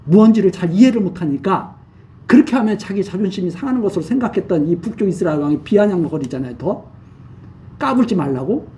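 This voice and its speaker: A man's voice: sits high, warm tone, distant mic. A man preaching a sermon, retelling scripture in plain everyday speech and acting out the kings' words. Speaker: pastor.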